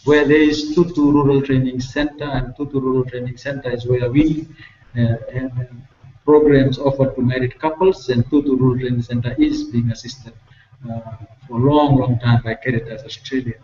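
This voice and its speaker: A man from Fiji, answering questions on a video call with earnest, grateful, slow explanations. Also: mid-range voice, steady tone, warm tone. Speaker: guest. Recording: echoey, distant, muffled video call.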